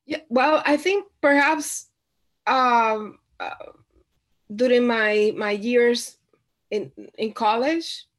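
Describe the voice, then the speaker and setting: A woman from Puerto Rico, a visual artist, answering interview questions haltingly with many pauses and restarts. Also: a little high.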